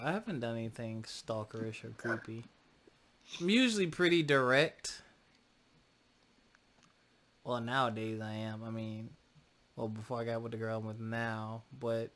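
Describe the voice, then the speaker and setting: A man's voice: medium pitch, bright, forceful tone. A man hosting a podcast in casual chat, laid-back and slangy with a teasing streak. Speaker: podcast host.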